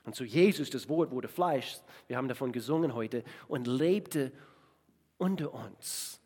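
A man's voice: medium pitch, expressive, measured pace, darkish tone. A male pastor preaching a sermon at a church service, stuffy from a sinus infection, emphatic and repeating phrases while asking the congregation direct questions. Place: church service in a large hall. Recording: long hall reverb.

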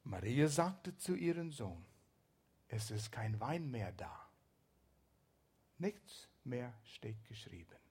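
A man preaching a sermon with a few slips, swinging between loud emphatic exhortation and hushed, near-whispered asides. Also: medium pitch, big pitch swings, takes it slowly, pauses often, slightly rough. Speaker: pastor.

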